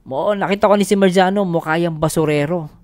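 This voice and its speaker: A man's voice: high-pitched, a little fast. A man from the Philippines hosting a vlog, chatting casually with viewers and laughing often as he talks. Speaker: vlogger host. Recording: noisy recording.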